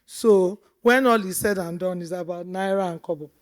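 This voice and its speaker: A woman's voice: fairly low pitch, normal speed. A woman speaking emphatically in a panel discussion, repeating phrases for stress.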